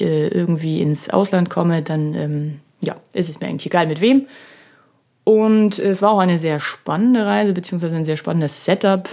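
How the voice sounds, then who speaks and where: A woman's voice: fairly low pitch, vocal fry, a little mellow. Self-ironic woman in her thirties, podcasting. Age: 30s. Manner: chatty and self-ironic, many filler sounds. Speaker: podcast host. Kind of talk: casual solo podcast monologue. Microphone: studio microphone.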